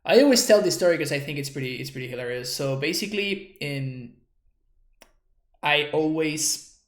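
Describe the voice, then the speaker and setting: Speaking at a moderate pace in an echoey room, a man with a slightly high, animated voice offers casual commentary on his own streaming play. He's from Argentina, a native Spanish speaker with a Spanish accent in his English, and he thinks aloud, restarts often, and makes wry jokes at his own expense.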